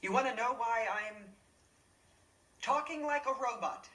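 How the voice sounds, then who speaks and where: A sitcom mother who answers in a stiff, robot-like monotone and repeats every line straight back. Her voice sits fairly high and sounds bright. It comes from a roomy set, picked up from some distance over a faint room hum. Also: unhurried. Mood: robotic, deadpan. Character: mother flatly parroting her son like a robot. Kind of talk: sitcom acting.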